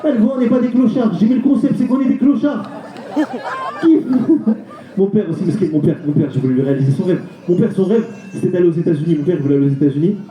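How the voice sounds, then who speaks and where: A male stand-up comedian doing a live routine, telling rapid, animated stories and slipping into acted voices. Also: sits high, slight background noise. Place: live comedy show venue. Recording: echoey venue with crowd.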